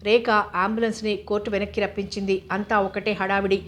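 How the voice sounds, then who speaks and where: A woman narrating a novel with a steady storytelling manner. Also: medium pitch, fairly quick, a little hiss or hum. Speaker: audiobook narrator.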